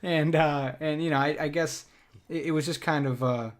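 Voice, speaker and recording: A young man co-hosting a podcast, chatting about politics in an excitable way and laughing often. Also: a little high, moderate pace. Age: young adult. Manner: excitable, laughs often, leans on 'go ahead and'. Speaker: podcast co-host. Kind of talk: casual political chat.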